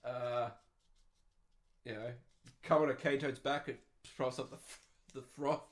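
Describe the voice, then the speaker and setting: A man's voice: mid-range voice, fairly even intonation, unhurried. Profane ranting Australian man. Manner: crude, profane, swings between loud outbursts and muttered asides. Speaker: podcast host. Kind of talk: solo ranting podcast.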